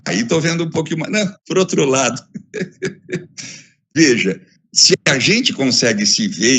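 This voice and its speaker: A man with a medium-pitched voice and a Brazilian Portuguese accent lectures academically over a video call from his phone. Expressive and emphatic, he builds up his ideas through repeated lists.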